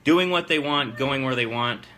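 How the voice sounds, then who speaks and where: Man, live show host, sharp bright tone, political commentary, emphatic, plain-spoken. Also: mid-range voice, normal speed, a little hiss or hum.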